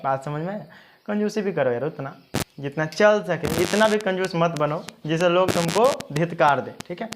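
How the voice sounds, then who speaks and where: A teacher, telling a folk tale in a lively, chatty classroom style and checking in with listeners. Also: mid-range voice, moderate pace, noisy background.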